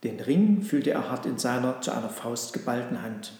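A man narrating a storybook aloud in a calm, measured reading. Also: medium pitch. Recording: very echoey room with long reverb.

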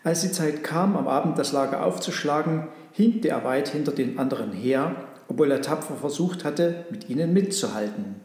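A man's voice: a little high, lively intonation, normal speed, darkish tone. Man reading a storybook, echoey room. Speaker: narrator.

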